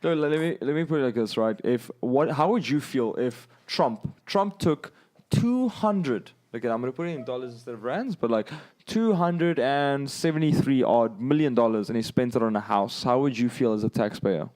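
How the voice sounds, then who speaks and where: A man from South Africa with a South African accent, chatting as a podcast guest in a brash, profane, excitable way. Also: mid-range voice, normal speed. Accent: South African, with American slang. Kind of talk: casual chat.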